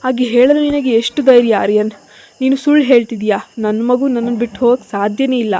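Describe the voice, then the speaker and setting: A woman voicing a grieving young mother who pleads, then shouts and blames, in an audio story. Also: fairly high pitch, normal speed, muffled recording, natural voice. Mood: defiant.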